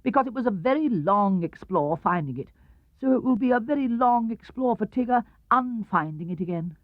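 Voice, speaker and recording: Man as self-important storybook rabbit, high and swooping, brisk authority, dull cassette-era sound. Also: expressive, no room sound. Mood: confident, explaining. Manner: brisk, emphatic, explaining with authority. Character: bossy, self-assured busy storybook rabbit. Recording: muffled 1970s cassette-era recording.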